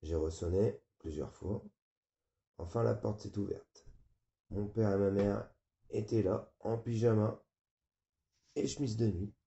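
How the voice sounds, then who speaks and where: A man reading a novel aloud in a flat, weary first-person narration. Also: fairly low pitch, measured pace, creaky, pauses often. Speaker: audiobook reader. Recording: muffled, roomy.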